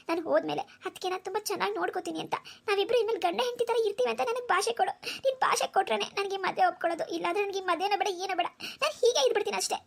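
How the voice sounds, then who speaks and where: Cartoon younger sister, young woman, very high voice, quick pleading talk, crying through her words, a woman voicing her. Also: creaky. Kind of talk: cartoon voice acting.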